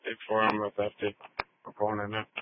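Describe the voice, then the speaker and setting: A man's voice: fairly low pitch, monotone, fast, background noise. A man making terse, clipped unit callouts over a police radio transmission. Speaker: officer on dispatch radio. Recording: thin lo-fi scanner radio, dry.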